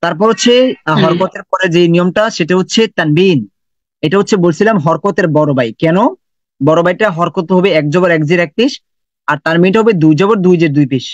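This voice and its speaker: A man's voice: sits high, brisk, dry recording, highs cut off. A man teaching an online lesson in Quran recitation, patiently explaining and repeating sounds and examples.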